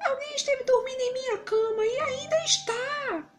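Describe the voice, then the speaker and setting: A woman voicing a little baby bear with a tiny, very high voice in a children's story. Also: moderate pace, soft background music. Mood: whiny.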